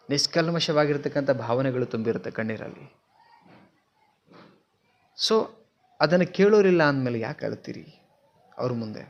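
A man's voice: medium pitch, creaky, muffled recording. A man with a Kannada accent giving an earnest motivational talk to camera, asking the viewer questions on a simple mic. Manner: earnest, questions the viewer, mixes in English words. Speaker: motivational speaker. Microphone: simple mic, not professional.

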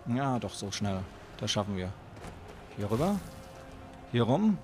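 A man giving casual gameplay commentary as a let's play host, talking excitedly to the enemies on screen. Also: lowish voice, unhurried, over music.

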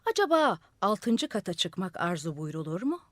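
Woman voicing a slow, sly old man, storybook reading, lively pitch, dry sound. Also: no room sound. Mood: courtly flattering. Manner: slow, unhurried, measured. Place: radio studio.

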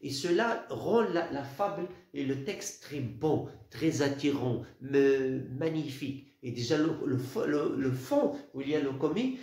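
A man teaching a literature lesson, halting and repeating words, counting syllables aloud. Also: mid-range voice, animated, darkish tone. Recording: very echoey room.

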